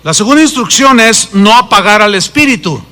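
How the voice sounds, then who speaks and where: A Mexican Spanish-accented pastor preaches with a high, bright, ringing voice. He swings from loud, quick bursts to hushed, drawn-out phrases. He is animated and full of drama. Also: in a large hall. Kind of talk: sermon.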